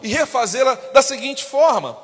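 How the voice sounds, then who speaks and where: A man with a Brazilian accent preaching a sermon as pastor, impassioned, acting out quoted voices and rising into shouts. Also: very high-pitched, animated, normal speed, breathy edge. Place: church. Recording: long church hall reverb.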